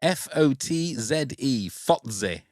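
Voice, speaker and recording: Lively, playful male podcast host. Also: medium pitch, takes it slowly, no echo, clean studio sound. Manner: playful, laughs often. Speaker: podcast host running a quiz. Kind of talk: casual podcast chat.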